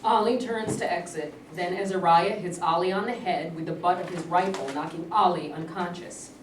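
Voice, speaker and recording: At a live staged play reading in a room, a woman reads the stage directions as scripted narration. Her voice is lowish and steady at a moderate pace, picked up by an echoey, distant mic with clear noise.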